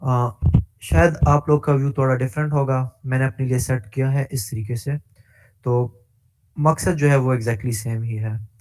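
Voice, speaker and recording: A male instructor walking through a coding tutorial step by step, pausing with frequent hesitations and mixing English tech terms into his speech. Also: medium pitch, steady tone, darkish tone. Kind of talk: screen-share coding tutorial.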